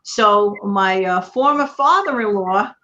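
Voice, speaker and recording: A woman from New York City hosting a casual livestream chat, talking warmly and at length to her viewers and co-host. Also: mid-range voice, expressive, slow pace, muffled recording. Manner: chatty, warm thanks to viewers and co-host. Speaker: channel host.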